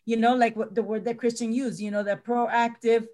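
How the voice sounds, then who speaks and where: A woman's voice: a little high, flat delivery, moderate pace, dark tone. A middle-aged woman teacher talking earnestly in a panel discussion, often repeating words as she stresses a point.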